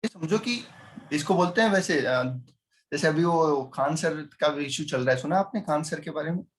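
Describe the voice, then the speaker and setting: A man's voice: fairly high pitch, normal speed. A male teacher giving a chatty lecture, teasing his students and constantly quizzing them. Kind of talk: classroom lecture.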